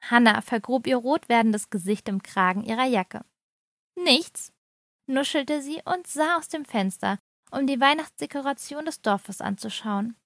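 A woman reading a story aloud, giving the characters lively voices of their own. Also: a little high, normal speed, no room sound. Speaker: narrator.

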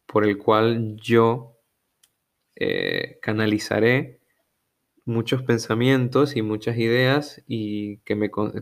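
A young man from Venezuela, about to turn twenty, hosting his own podcast in a slow, hesitant solo monologue, often restarting as he searches for words. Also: on the low side, vocal fry. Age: young adult. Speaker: podcast host.

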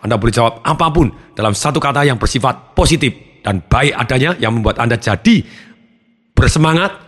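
A man giving a motivational seminar talk, animated, switching his tone to act out examples. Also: mid-range voice, brisk, breathy edge. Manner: animated, acts out tones of voice as examples. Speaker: motivational speaker.

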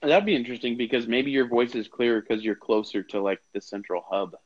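A man's voice: medium pitch, a little fast, no echo. Man on a dull, speakerphone-like call line. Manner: rambling, many "like" fillers. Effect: speakerphone-like sound. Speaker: call host. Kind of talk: casual group call chat. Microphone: AirPods earbuds on a call.

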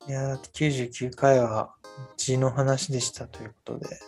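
A man in his thirties co-hosting a podcast in casual chat, rambling with many fillers in a soft, low-key way. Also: flat delivery, normal speed. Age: 30s. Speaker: podcast co-host. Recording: faint music underneath.

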